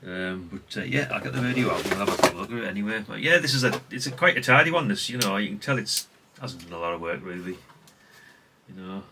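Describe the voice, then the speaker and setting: A middle-aged hobbyist vlogger chats unscripted while showing an item, rambling conversationally and repeating catchphrases. His voice is lowish, animated and fast, with noise in the background.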